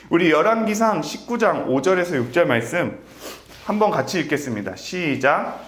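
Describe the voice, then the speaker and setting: A man in his thirties delivers a sermon with earnest feeling. His somewhat high voice moves through a wide, lively pitch range, swelling on emphatic points and dropping soft and low on tender ones. The sound rings in an echoey church hall. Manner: earnest, rises to emphatic peaks then drops soft. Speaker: preacher. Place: church sanctuary.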